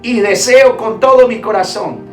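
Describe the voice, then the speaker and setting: Woman preacher telling a story in a sunday devotional, really slow and emphatic, higher voice, echoey with music under it. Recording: roomy echo, distant mic, soft music.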